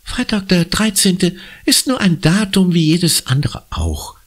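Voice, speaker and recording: A man's voice: sits high, expressive, measured pace, pitched above the performer's own voice. A man voicing a breezy schoolgirl in an audiobook, brushing off her friends' worries. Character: cheerful schoolgirl, breezy and dismissive.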